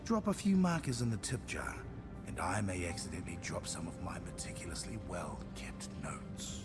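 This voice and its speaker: An actor voicing a sly, gossipy travelling barber in a video game, theatrical and confiding in his smooth talk. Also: deep voice, expressive, moderate pace, over loud music. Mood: sly, welcoming. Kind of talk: video game character dialogue.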